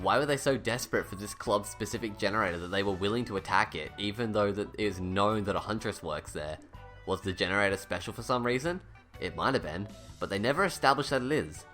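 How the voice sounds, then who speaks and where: A man's voice: on the low side, fairly bright tone. A man with a lisp that slurs his s toward sh, reading a scripted critical review in a blunt, sarcastic, sweary way. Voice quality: lisp, slushy sh-like s. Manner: blunt, sarcastic, sweary, self-deprecating at times. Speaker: video reviewer. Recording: voice-over with music underneath. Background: background music.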